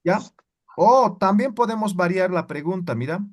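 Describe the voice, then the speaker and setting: Over background noise, a man with a high-pitched, expressive voice teaches a language class at a moderate pace. He goes through things step by step, patient in his explanations, and keeps asking "¿no ve?" to check in with his students.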